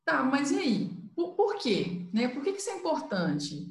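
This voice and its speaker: Brazilian woman consultant, higher voice, explains patiently, roomy echo. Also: huge pitch swings, measured pace. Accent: Brazilian Portuguese. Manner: explanatory, uses filler "né". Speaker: communication consultant. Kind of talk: casual live chat.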